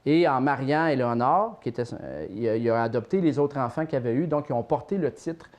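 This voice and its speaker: A man from Quebec's Mauricie region with a Québécois accent, telling family legends in a lively, playful way as an interview guest. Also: medium pitch, a little fast. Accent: Québécois French. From Saint-Tite, Mauricie, Quebec. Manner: lively, anecdotal, playful storyteller. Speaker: storyteller guest. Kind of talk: casual interview storytelling.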